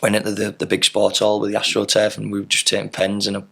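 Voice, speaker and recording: A man's voice: on the low side, monotone, fast talker, gravelly, fairly bright tone, slightly rough. A man, telling rambling anecdotes in a casual podcast interview, full of fillers and mild swearing. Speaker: podcast guest, footballer.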